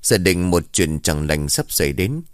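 Man, deep voice, ghost story narration, dry close sound. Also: animated, unhurried, dry recording.

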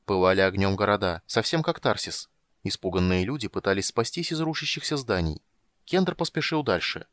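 A man narrating an audiobook in an expressive, animated reading. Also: on the low side, fairly quick, no room sound, studio quality.

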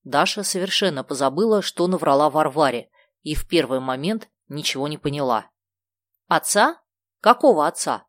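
A woman narrating a children's book in a steady, clear storytelling manner. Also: deep voice, fairly quick, no echo. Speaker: audiobook narrator. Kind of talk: scripted narration.

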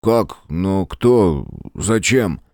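A man's voice: low voice, lively intonation, drawn-out words, darkish tone, no room sound, clean studio sound, heavily acted. A man voicing a blunt, loyal soldier brother who talks earnestly in an audiobook.

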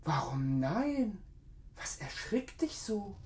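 An actor playing a menacing, mocking, jealous phantom in a radio drama, theatrical and swinging between hushed and shrill. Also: male voice, sing-song, takes it slowly, breathy edge, full character voice. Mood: suspicious taunting. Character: menacing, mocking, jealous male phantom tormenting a young woman. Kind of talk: German radio drama acting.

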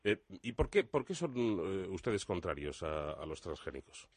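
A man's voice: deep voice, sing-song, normal speed, darkish tone, no echo. A man hosting a radio interview, reading an intro and asking questions with hesitant fillers. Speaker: radio host.

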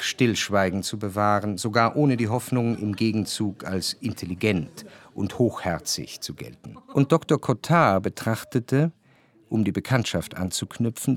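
In a clean studio with no echo, a man of medium pitch narrates a German radio drama in the first person, playing a reflective and observant character. His delivery is measured and literary, only lightly acted.

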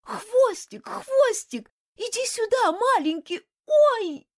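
A woman voicing an impulsive young noble lady in an audiobook, with high, exclaiming lines. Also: wildly swooping pitch, measured pace, darkish tone, no echo, studio quality, heavily acted. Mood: fretful, exclaiming. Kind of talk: audiobook character voice.

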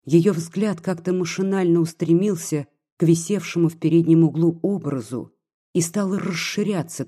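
Guy narrating an old novel, dark mellow voice, a bit breathy, calm and even. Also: fairly high pitch. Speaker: audiobook narrator. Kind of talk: scripted narration of a classic novel.

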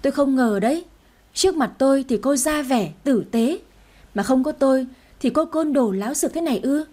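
A woman voicing a stern, quick-tempered older lady of the house who scolds and gives orders. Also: high voice, lively intonation, a little mellow. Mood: scolding. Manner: scolding, commanding.

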